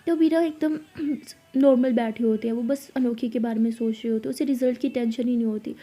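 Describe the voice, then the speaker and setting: A woman's voice: fairly high pitch, fairly even intonation, fairly quick, mellow. A woman narrating a love story in a chatty, casual way, with conversational asides.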